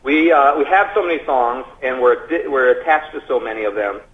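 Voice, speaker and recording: A man's voice: medium pitch, brisk, breathy edge. A man talking loosely and crudely on speakerphone during a phone interview, rambling with laughs. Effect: on speakerphone over a phone call. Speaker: band member interviewed by phone. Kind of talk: casual joking chat. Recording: muffled, tinny speakerphone line.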